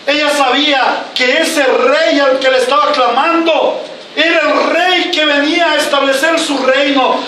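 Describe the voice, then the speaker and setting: A man preaching a sermon as pastor, slow and emphatic, breaking into shouts on key words, recorded in a church from a distance. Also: very high voice, background noise. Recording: echoey church hall, mic at a distance.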